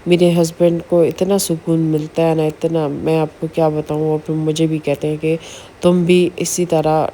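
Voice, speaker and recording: A woman vlogging in a chatty, earnest way about faith, with many pauses and fillers. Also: sits low, flat delivery, warm tone, slight background noise. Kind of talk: casual religious advice vlog.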